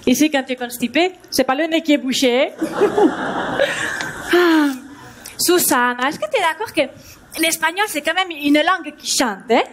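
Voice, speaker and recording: High-voiced woman with a Spanish accent. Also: normal speed, a bit bright, a little hiss or hum. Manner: playing a bubbly Spanish language teacher, mixing Spanish into French. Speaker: stand-up comedian. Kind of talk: stand-up comedy routine. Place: theater stage before a live audience.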